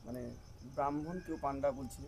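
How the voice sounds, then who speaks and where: A man's voice: medium pitch, steady tone, a little fast, darkish tone. A man in a class thinking aloud and answering tentatively, heard from a distance. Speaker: class participant. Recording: faint noise, distant from the mic.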